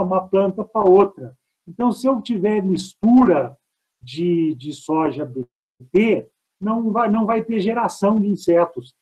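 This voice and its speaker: A man's voice: sits high, dark tone, low-quality recording. A Brazilian man, a professor, explaining step by step in an online lecture, heard through a thin headset mic on a video call. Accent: Brazilian Portuguese. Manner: explains step by step, asks himself rhetorical questions. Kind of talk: online lecture answering audience questions.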